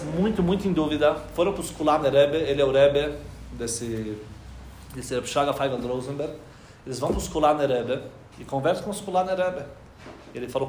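A man telling a long religious story to an audience. He acts out each character's lines, dropping to a hush and then rising to loud cries. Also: mid-range voice, roomy sound, slight background noise. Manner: lively storyteller, acting out dialogue with quoted voices, swings from hushed to loud.

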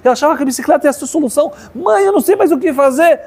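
A man's voice: sits high, fast talker, warm tone, husky, pitched above the performer's own voice, exaggerated voice. A man voicing a distressed ten-year-old boy who pleads through tears. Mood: pleading.

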